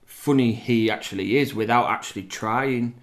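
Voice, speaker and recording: Guy chiming in with questions, ordinary mid voice, relaxed chat. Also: mid-range voice, normal speed. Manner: curious, asks questions. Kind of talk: casual film review chat.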